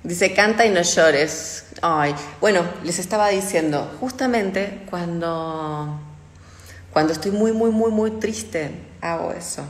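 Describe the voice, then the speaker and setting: A woman's voice: fairly low pitch, takes it slowly. A young adult woman hosting a casual phone livestream, reading out viewer comments and answering them candidly, with frequent swearing. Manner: chatty and candid, swears often. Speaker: livestream host. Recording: echoey room with long reverb.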